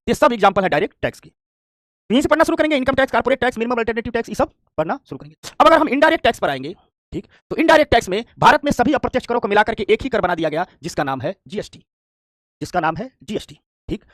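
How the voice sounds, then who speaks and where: A man teaching an economics class, talking quickly and often asking if students understood. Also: extremely high pitch, no echo, studio quality. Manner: fast, lively, repeats "ठीक" and checks understanding; acts out complaining shopkeepers. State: tired from standing. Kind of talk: classroom lecture.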